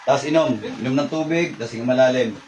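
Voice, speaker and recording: A man leading a faith healing session, reciting rapid Latin prayers and giving short, repeated commands. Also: mid-range voice, a little mellow, highs cut off, a little hiss or hum. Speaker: faith healer.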